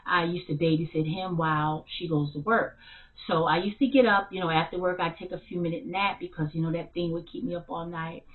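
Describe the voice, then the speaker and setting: A woman telling her story of spiritual struggle in a halting, hesitant way, full of fillers and restarts. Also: lowish voice, fairly even intonation. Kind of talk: personal spiritual testimony. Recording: tinny phone-like sound.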